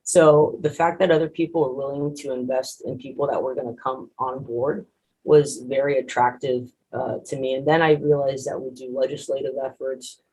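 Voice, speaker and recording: A man's voice: medium pitch, flat delivery, normal speed, darkish tone, slight background noise, poor audio. A man in his thirties, a prosecutor who grew up in Mexico and speaks Spanish as his first language, telling his story in an earnest, conversational way with frequent restarts. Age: 30s. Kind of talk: panel talk, personal story.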